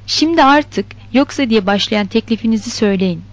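A woman's voice: fairly high pitch, lively intonation, fairly quick, natural voice. A woman reading the lines of a tough male strike leader in a novel, blunt and defiant. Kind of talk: scripted narration of a novel. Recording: dull lo-fi recording.

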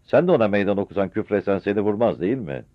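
A man doing a brisk, commanding army captain. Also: lowish voice, very animated, no echo, pitched above the performer's own voice. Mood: questioning. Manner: questioning, brisk. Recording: dull lo-fi dry old radio recording.

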